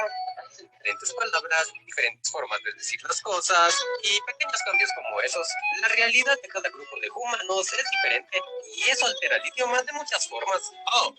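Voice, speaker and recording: A performer voicing non-human beings in an animated educational video, trading playful questions about how humans act and talk. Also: mid-range voice, rough recording. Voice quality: playful, questioning back-and-forth. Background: background music.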